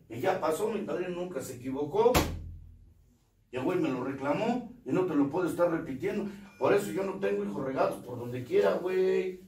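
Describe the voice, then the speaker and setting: A man's voice: a little high, darkish tone. A middle-aged man with a Mexican accent, giving a coarse, profanity-laden confessional testimony at a recovery group meeting. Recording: roomy, distant mic, faint noise.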